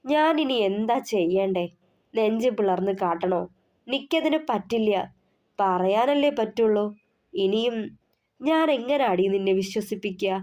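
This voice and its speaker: A woman voicing a gruff but caring young husband who scolds and pleads. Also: medium pitch, expressive, measured pace, pauses often, a little mellow, close to an everyday voice. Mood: pleading.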